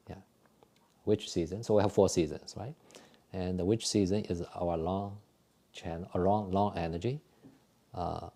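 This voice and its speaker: A man instructing a live tai chi and qigong class in a conversational, step-by-step way. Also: deep voice. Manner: hesitant, repetitive, conversational when explaining; gentle, unhurried step-by-step cueing during exercises.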